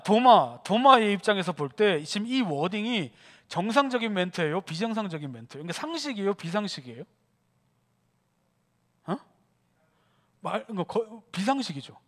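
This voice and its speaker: A youth pastor giving a sermon in a church sanctuary, lively and conversational, acting out scenes as he talks. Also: sits high. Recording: long church hall reverb.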